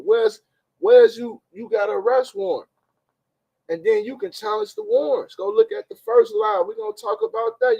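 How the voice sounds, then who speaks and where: Livestream host, man, high and gravelly, emphatic slang-heavy delivery. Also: a little mellow, muffled recording. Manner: street slang, emphatic, rhetorical questions. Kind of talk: informal legal talk to a live audience.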